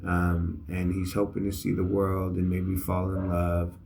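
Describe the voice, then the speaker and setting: A man's voice: deep voice, monotone, unhurried, gravelly, noisy background. A middle-aged man, an army veteran, telling a story in a casual, rambling way with many fillers. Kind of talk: casual spoken reflection.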